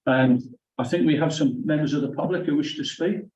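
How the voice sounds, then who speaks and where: A man's voice: a little high, brisk, darkish tone, slight background noise. A man chairing a formal council meeting, courteously taking it through procedure item by item, recorded in a meeting room. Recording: roomy, distant, dull meeting-room recording.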